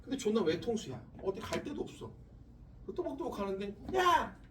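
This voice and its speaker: This physics teacher's voice sits high and runs a little fast, picked up from a distance with background noise. He lectures animatedly in crude slang, breaking for stories and performing the voices he quotes.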